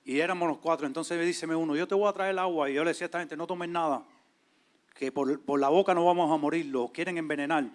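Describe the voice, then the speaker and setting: A man, telling his testimony in a lively way and acting out the voices of people in his story. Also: fairly high pitch, quick pace. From Cuba. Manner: animated, acts out quoted voices. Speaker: church servant leader, guest.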